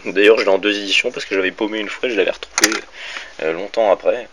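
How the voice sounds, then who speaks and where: A man's voice: lowish voice, steady tone, fast talker. A young man with a French accent from the Orléans area, rambling casually through a room-tour vlog in his bedroom, filmed on a handheld phone with many fillers and self-corrections. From France. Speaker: YouTuber showing his room and gear. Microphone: phone camera held by hand. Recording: faint background hiss from cheap phone.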